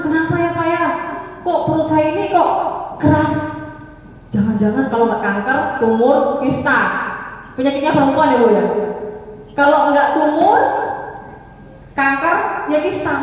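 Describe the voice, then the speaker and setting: A woman from Madura giving a lively personal testimony to a church congregation, speaking straight to the listeners. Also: sits high, distant mic, a little hiss or hum. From Madura, Indonesia. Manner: animated storytelling, addresses the congregation directly. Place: church hall. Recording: echoey church hall, mic heard from afar.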